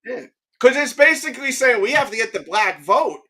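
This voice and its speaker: A man with a high voice talks in loose, casual chat. His tone is bright and forceful. He rambles, restarts his sentences and keeps checking in with his listener. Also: expressive, normal speed. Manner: rambling, keeps asking "you know what I mean".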